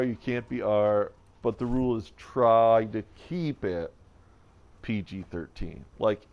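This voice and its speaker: A man's voice: medium pitch, dull audio. A man streaming a video game, rambling and joking about whatever comes to mind with self-mocking asides. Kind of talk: casual let's-play commentary.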